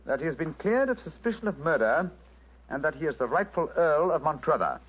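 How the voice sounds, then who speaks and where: English gentleman detective, British accent, courteous, lively intonation, muffled vintage radio drama. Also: a little high, husky. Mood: reassuring. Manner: polite, brisk, assured. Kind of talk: 1940s radio drama acting. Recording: dull old radio recording, music behind.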